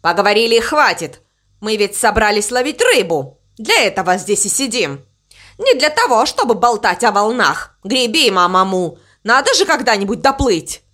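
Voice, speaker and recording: A woman voicing a fussy, anxious male crow who is curt, bossy and quick to shout in alarm. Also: fairly high pitch. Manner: abrupt, excitable, shouting about waves.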